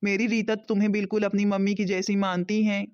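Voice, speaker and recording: A performer voicing a gentle middle-aged father in a cartoon, who talks slowly and soothingly. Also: high voice, flat delivery, clean tone, lightly acted. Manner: slow, soothing and pleading. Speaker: father character. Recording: dull lo-fi sound.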